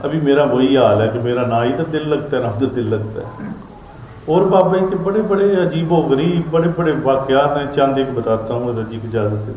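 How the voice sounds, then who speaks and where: A man's voice: medium pitch, highs cut off. A man telling stories about a revered elder in an earnest, reverent way, in casual spoken recollection. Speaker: storyteller recounting memories of a spiritual elder. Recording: echoey room with faint ambient noise.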